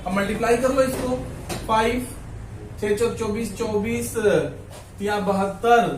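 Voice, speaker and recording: His high voice stays steady and a little slow as this maths teacher solves problems for his class, blending in English terms, counting each step, and frequently saying "ठीक है ना". It's recorded from afar in an echoey classroom with slight hiss or hum.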